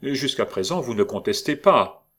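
A man's voice: mid-range voice, expressive, a bit bright, pitched above the performer's own voice. A man playing a stern, methodical investigator. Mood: authoritative. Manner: measured, commanding, with hesitant "euh". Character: methodical, authoritative male investigator.

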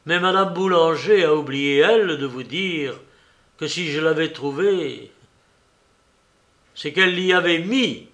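Defiant young detective, read by a man, ringing and sure, slow delivery. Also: on the high side, a bit bright. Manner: ringing, assured. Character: bold young male reporter-detective, defiant.

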